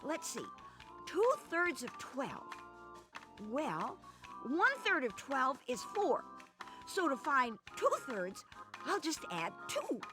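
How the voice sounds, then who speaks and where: Theatrical high-pitched stage magician. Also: female voice, wildly swooping pitch, music in the background, exaggerated voice. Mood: puzzling aloud. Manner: theatrical, exclamatory, slow showy delivery. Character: theatrical, excitable magician who poses math riddles. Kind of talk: scripted educational game character acting.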